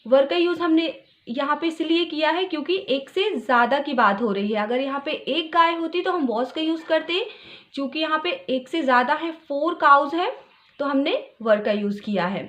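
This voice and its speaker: High-voiced woman teaching English. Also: lively intonation, fairly bright tone. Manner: explains word by word, slow when reading English lines aloud. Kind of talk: tutorial lesson.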